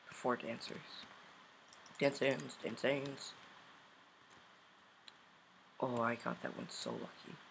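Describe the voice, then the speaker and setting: A man quietly muttering commentary while playing a game, concentrating and reacting to each round. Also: medium pitch, very animated, moderate pace, vocal fry, hardly any pauses, slight background noise, low-quality recording. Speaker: gamer.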